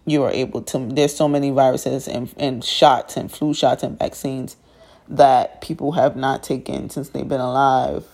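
A woman's voice: very deep voice, vocal fry, darkish tone, husky. A woman vlogger in a groggy morning voice, talking casually to her viewers and giving her opinions with plenty of ums. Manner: chatty and opinionated, loose with many ums. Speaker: vlogger hosting her own channel. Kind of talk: casual talk to camera.

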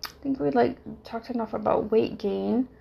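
A woman's voice: on the high side, moderate pace, vocal fry, breathy edge, muffled recording. A middle-aged woman with a Southern US accent hosting a casual solo fitness podcast, rambling and thinking aloud with fillers. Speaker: podcast host, fitness coach.

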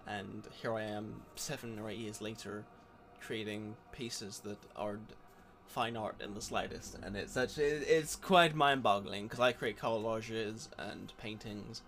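A young man hosting a conversational podcast interview, speaking in an earnest, wordy and halting way. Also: on the low side, steady tone, fairly bright tone. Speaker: podcast host and animator. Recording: clearly noisy background.

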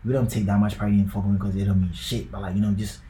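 A young Ghanaian man co-hosts a podcast in casual chat, his Ghanaian accent coming through as he talks loosely and sprinkles in likes and bros. His voice is lowish and warm, delivered flat and fast, in a roomy recording with slight background noise.

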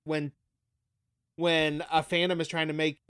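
A man's voice: on the high side, little pitch movement, measured pace, fairly bright tone, smooth, no echo, studio quality. A man co-hosting a podcast, eagerly pointing out details and quizzing his partner. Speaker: podcast co-host. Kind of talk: casual podcast chat.

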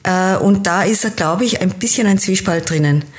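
A woman's voice: mid-range voice, normal speed. A woman from Kenya who works as a team-building coach, a guest in an interview, explaining at length and thoughtfully, with frequent hesitations.

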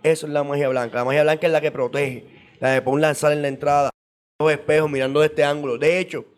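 A man's voice: a little high, flat delivery, quick pace. A man explaining in casual interview talk, at length, with frequent repeats and restarts. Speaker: guest on esoteric topics.

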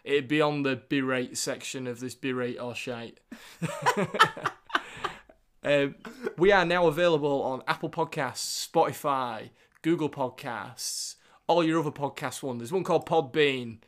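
Male podcast host, Northern English accent, mid-pitched voice, informal and jokey casual chat. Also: unhurried. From England.

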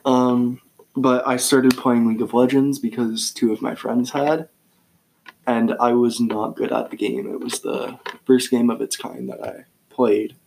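Gravelly teenage boy, relaxed podcast chat. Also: medium pitch, a little hiss or hum, rough recording. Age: teens. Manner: relaxed, rambling, searches for words. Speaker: podcast co-host.

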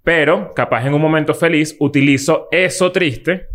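A man's voice: a little high, normal speed, fairly bright tone. A man in a casual talk, laughing easily and restarting his sentences. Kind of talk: casual chat.

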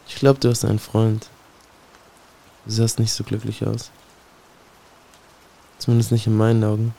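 A man recites spoken-word poetry in a low, gravelly voice with a dark, mellow tone. His delivery barely rises or falls, staying almost completely level. He sounds solemn and brooding as he addresses a listener directly. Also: completely flat delivery, normal speed, a little hiss or hum.

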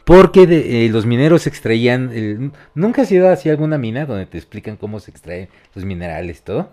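A man's voice: medium pitch, big pitch swings, a little fast, dark tone. A man with a Mexican accent, co-hosting a casual chat and explaining things in a loose, talkative way with the odd swear word. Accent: Mexican Spanish. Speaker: co-host.

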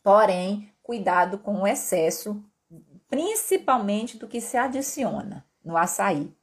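With a medium-pitched, animated voice and a measured pace, this doctor, an endocrinologist, fields viewer questions during a live Q&A stream. She speaks Brazilian Portuguese with a Pará accent blended with Northeastern sounds, explaining things casually and warmly while sprinkling in "tá?" and "né?".

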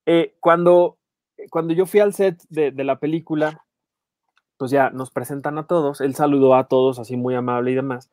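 A man with a Mexican accent co-hosting a podcast, telling anecdotes in a lively, casual way and acting out voices. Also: mid-range voice, normal speed, dry recording, studio quality. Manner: animated anecdotes, acts out quoted voices. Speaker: podcast co-host, film journalist. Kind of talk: casual chat, storytelling.

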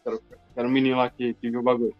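A Brazilian man chats casually at a racing pace, his mid-range voice barely moving in pitch. His talk is slangy and full of filler, sprinkled with "mano" and "tá ligado". The lo-fi recording sounds dull, with faint music behind him.

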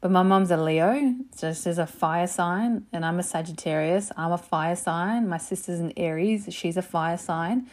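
A woman telling personal stories in a casual, animated way, swearing freely and saying "like" a lot. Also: on the low side, normal speed, few pauses. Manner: animated, profane, lots of "like". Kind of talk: casual storytelling.

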